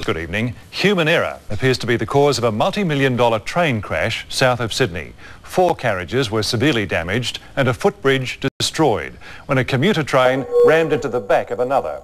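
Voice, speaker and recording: A middle-aged male anchor reads the headlines in a polished, emphatic studio voice. His pitch moves a lot, and faint music sits under him. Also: big pitch swings, brisk, fairly bright tone. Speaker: news anchor. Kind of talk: scripted news reading.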